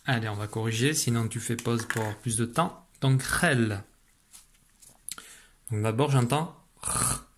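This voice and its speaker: A male teacher leads a spelling dictation at an unhurried, deliberate pace. He speaks patiently and repeats each syllable. His voice sits at a middle pitch. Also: noisy background. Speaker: primary school teacher.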